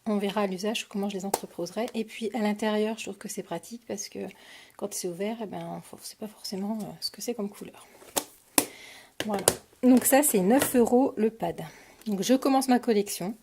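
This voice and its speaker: A woman's voice: mid-range voice, moderate pace, noisy background. A French woman casually showing her craft supply purchases on camera, talking with many hesitations and fillers. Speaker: crafting vlogger. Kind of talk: casual product haul.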